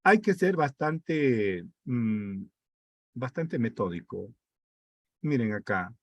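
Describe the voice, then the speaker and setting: Man, husky voice, sore throat, teacher, slow and lively delivery. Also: medium pitch, no room sound, lo-fi sound. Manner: reads text aloud, then breaks it down with rhetorical checks. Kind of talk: online reading comprehension class.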